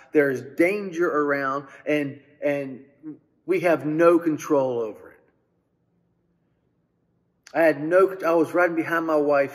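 A man preaching a sermon, telling a personal story with animated retelling. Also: on the high side. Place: church sanctuary.

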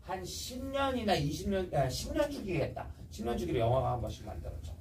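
A man's voice: high-pitched, sing-song, fast, a little mellow, distant mic, slight background noise, poor audio. A man teaching a casual history lecture, blunt and slangy, stopping often to quiz his students.

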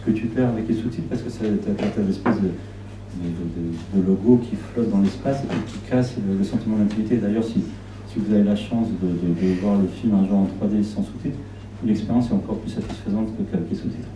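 A middle-aged film director from Argentina, a native Spanish speaker, talks fairly quickly in a warm, lowish voice, repeating words as he thinks. He is using a handheld mic at a public Q&A with an audience, indoors in a small shop's event room. A distant camera records it roomily, with a little hiss or hum.

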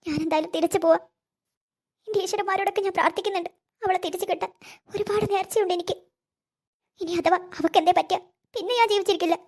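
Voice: extremely high pitch, fairly even intonation, fast, pauses often, a little mellow. A performer voicing a grieving old cartoon grandmother. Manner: sorrowful, tearful lament. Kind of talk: cartoon voice acting.

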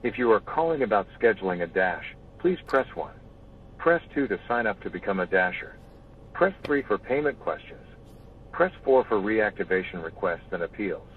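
A man's voice on a recorded phone menu message, reading automated prompts in an even, measured way. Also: on the low side, recorded from a distance, slight background noise. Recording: tinny phone line from a speaker.

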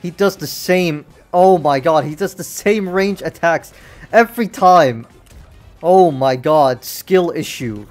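A young man with a slightly high voice commentates his fighting game live, swearing freely and yelping whenever an attack misses. Faint game music plays behind him. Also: slow. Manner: excitable, swears a lot, yells at misses. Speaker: game streamer. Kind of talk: casual gameplay commentary.

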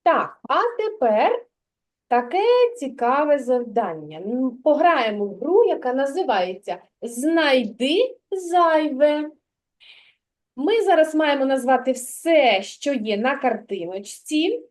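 A woman teaching a young child letters and sounds, speaking patiently and clearly and praising often. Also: high-pitched, very animated, a little slow, a little mellow. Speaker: kindergarten teacher. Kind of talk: literacy lesson with a child.

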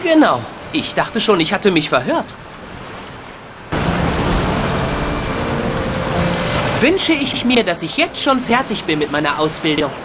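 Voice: mid-range voice, very animated, normal speed, lightly acted. A woman voicing a naive, polite boy apprentice in a video game, innocent and earnest. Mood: curious, earnest. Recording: clear background ambience noise.

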